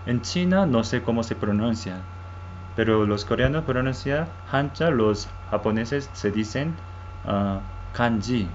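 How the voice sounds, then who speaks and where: A man's voice: mid-range voice, expressive, a little hiss or hum. Korean man teaching in Spanish, lo-fi. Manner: halting, repeats words, asks "¿sí?" often. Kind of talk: language lesson.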